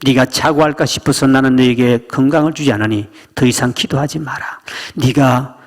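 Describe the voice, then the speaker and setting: Man doing god's voice, stern and low, slow and solemn, big church echo. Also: fairly even intonation, natural voice. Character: stern God refusing a plea, male.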